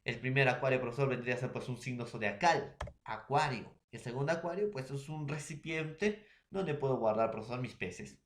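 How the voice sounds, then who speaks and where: A man's voice: medium pitch, normal speed, slight background noise. A man with a Peruvian Spanish accent teaching a recorded class, repeating points and asking the students rhetorical questions. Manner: repetitive, addresses students and fellow teachers, asks rhetorical questions. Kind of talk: recorded remote class lecture. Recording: echoey room.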